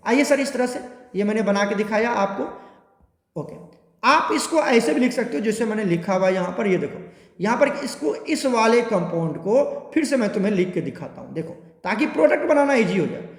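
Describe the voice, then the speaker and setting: A male chemistry teacher, lecturing students and keeping them with him by asking again and again whether it is clear. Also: very high voice. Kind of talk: classroom lecture. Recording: echoey room with long reverb.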